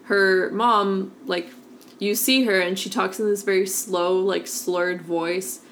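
A woman's voice: mid-range voice, steady tone, slow, a bit bright, slight background noise. A young woman chatting casually as a podcast co-host, filling her talk with "like" and "um". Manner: chatty, many fillers of like and um. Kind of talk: casual chat about a cartoon.

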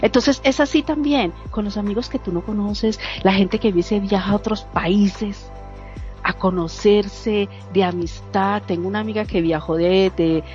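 A woman chatting casually, telling a warm personal story with laughter and mimicked dialogue. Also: medium pitch, a little slow. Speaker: guest sharing a story. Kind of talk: casual chat. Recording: slightly dull lo-fi audio, faint music.

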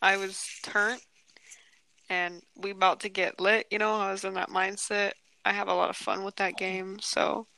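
Teen girl co-host, bright smooth voice, giggly rambler, dry close mic. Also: medium pitch, little pitch movement, normal speed, no echo, rough recording. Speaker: podcast co-host. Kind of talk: casual chat. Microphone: headphone mic.

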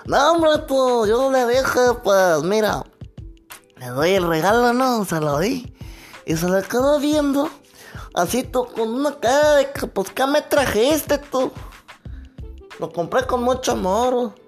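A man's voice: extremely high pitch, expressive, slow pace, soft background music, voice pushed up, full character voice. A man voicing a folksy, rustic older man from the mountains, drawling and rambling with many fillers. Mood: aggrieved. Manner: rambling, drawling, full of fillers like "no, hombre, pues". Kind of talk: comedy sketch character.

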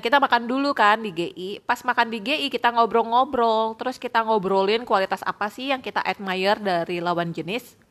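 A woman's voice: medium pitch, a bit bright. A young woman, hosting a podcast and telling a story in casual, slangy chat, laughing often and slipping English phrases in. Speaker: podcast host.

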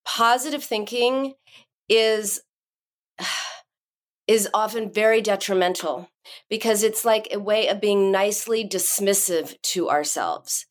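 A middle-aged woman, an author and podcast guest, telling a story about her daughter and acting out its lines in high voices. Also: slow. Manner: acts out quotes in high voices. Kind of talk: podcast interview.

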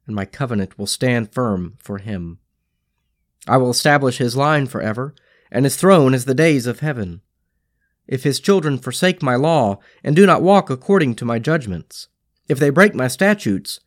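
Solemn man reading psalms aloud. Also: medium pitch. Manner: measured, solemn recitation. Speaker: podcast host reading scripture. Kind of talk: devotional scripture reading and prayer.

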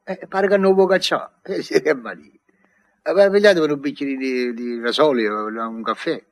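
An actor playing a gentle, proud, absent-minded Neapolitan father in a 1950s radio play, talking in a rambling, halting way with a Neapolitan accent. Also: mid-range voice, lightly acted. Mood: hospitable. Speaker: head of the family.

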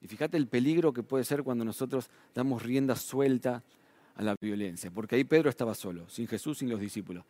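Here the pastor talks a bit fast, his medium-pitched voice dark in tone and free of echo. In a Rioplatense Spanish accent, he preaches conversationally, leaning on tag questions and raising and lowering his voice to underline points.

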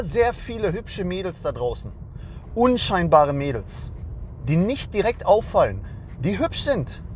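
A man's voice: sits high, a little hiss or hum. A man in his twenties, a dating coach ranting bluntly to camera and scolding his viewers.

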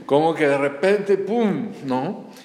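A man's voice: on the high side, lively intonation, takes it slowly, a little mellow, a little hiss or hum. A man preaching a sermon in a conversational way, often asking his listeners if they follow. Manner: conversational, with frequent tag questions. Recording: echoey hall with long reverb.

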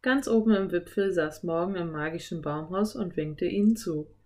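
A woman narrating a children's audiobook in a clear, even storytelling manner. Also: fairly low pitch, normal speed.

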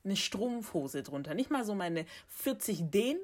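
A woman's voice: mid-range voice, big pitch swings, measured pace. A young woman in a casual conversation, speaking frankly and with indignation, talking things through in long runs. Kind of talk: casual chat.

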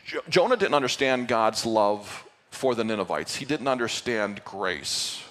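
A man's voice: mid-range voice, animated, measured pace, fairly bright tone, long reverb tail. A male pastor giving an earnest Sunday sermon to his church, with playful asides. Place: church sanctuary.

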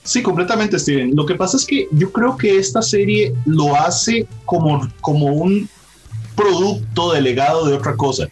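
A man's voice: fairly high pitch, expressive, moderate pace, darkish tone, breathy edge, soft background music. A man hosting a casual pop-culture chat, explaining at length with frequent tag questions and fillers. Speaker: podcast host.

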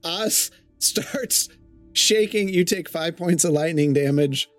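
A high-pitched man runs a tabletop adventure as its game master. He narrates in a loose, chuckling way, with soft music playing faintly underneath. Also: takes it slowly, dry recording.

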